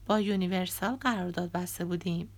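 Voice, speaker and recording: A woman's voice: lowish voice, fairly even intonation. A woman reading an audiobook, voicing a bitter, resentful young man who used to be a drummer and speaks with angry sarcasm.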